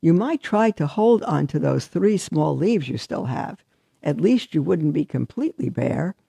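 Storybook figure: woman doing a vain, sneering fir tree, high and smug, gravelly edge. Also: animated, a little slow, dark tone, dry recording, exaggerated voice. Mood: smug mocking. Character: haughty smug fir tree, female-sounding, sharp-tongued.

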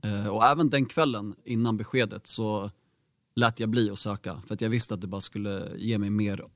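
A man's voice: fairly low pitch, steady tone, a bit bright, no room sound, studio quality. A young man, a guest in an interview, telling a personal story in a candid, reflective way with many fillers.

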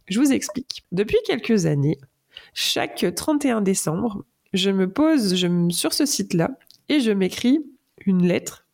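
A woman's voice: medium pitch, a little mellow. A young woman hosting a casual solo podcast, speaking with many hesitations and fillers. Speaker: podcast host.

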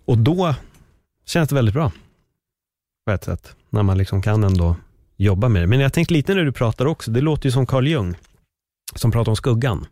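A man's voice: medium pitch, lively intonation, pauses often, warm tone, dry recording. A man hosting a podcast, talking earnestly and reflectively in casual conversation, with the odd casual swear word. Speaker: podcast host.

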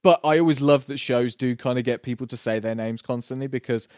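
A man in casual conversation on a podcast, talking through a TV series with lots of fillers and quick bursts of acted-out lines. His voice sits in a middle register and sounds dry and close, with no room around it. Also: medium pitch, clear, resonant tone, dry recording. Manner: animated, puts on quick voices when retelling scenes. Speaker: podcast co-host. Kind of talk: casual TV review chat.

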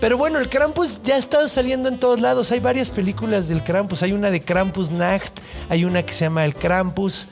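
A man's voice: high-pitched, brisk, gravelly, faint music behind. A young man with a Mexican Spanish accent hosting a podcast, retelling a tale in crude, slangy casual chat and acting out its characters. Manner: slangy, crude, animated retelling with acted-out quotes. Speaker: podcast host.

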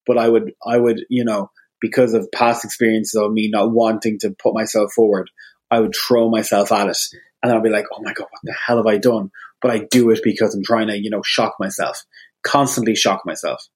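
An Irish man chatting candidly as a podcast guest, open and quick with asides. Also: lowish voice, flat delivery, husky. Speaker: guest, radio presenter. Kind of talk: casual podcast chat.

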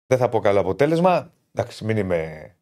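A man co-hosting a casual sports betting chat, animated and teasing, often talking over the others. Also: on the low side. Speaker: podcast co-host.

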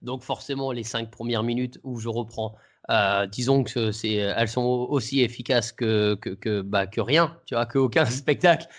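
A man, a comedian, telling an anecdote in casual conversation, rambling and animated with many restarts. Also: mid-range voice, moderate pace.

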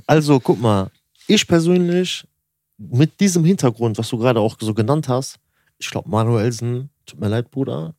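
A man's voice: medium pitch, normal speed, warm tone, no echo, studio quality. A man hosting a podcast in casual chat, pushy and talking over the others, often repeating himself. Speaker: podcast host.

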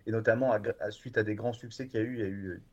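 A man's voice: lowish voice, steady tone, very fast, breathy edge. Enthusiastic rambling man, slightly dull sound. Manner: enthusiastic, rambling with many fillers and restarts. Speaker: guest from a horror streaming platform. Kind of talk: casual podcast chat.

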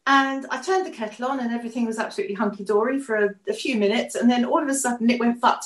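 A woman's voice: on the high side, fairly even intonation, rapid-fire. An older English woman co-hosting a casual podcast chat, telling stories in a chatty way and laughing often. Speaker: co-host and artist. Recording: echoey room.

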